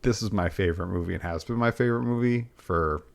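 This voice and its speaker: A man's voice: deep voice, fast talker, creaky. A man co-hosting a podcast in a laid-back, wry, chatty way. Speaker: podcast co-host. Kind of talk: casual chat.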